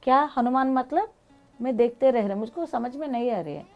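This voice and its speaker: A woman guest telling personal stories, speaking animated, non-fluent Hindi mixed with English. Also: fairly high pitch, normal speed, dull audio, faint music behind. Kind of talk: personal storytelling in an interview.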